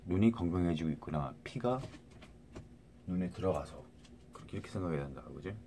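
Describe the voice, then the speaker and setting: A man's voice: low-pitched, expressive, brisk, mellow, slight background noise. A middle-aged man talking to viewers into a phone in a rambling casual monologue, restarting words and often asking "right?".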